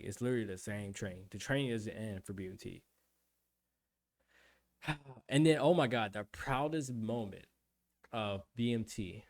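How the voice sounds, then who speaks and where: A man's voice: on the low side, darkish tone. A young adult man streaming, telling a rambling, profane story in casual chat.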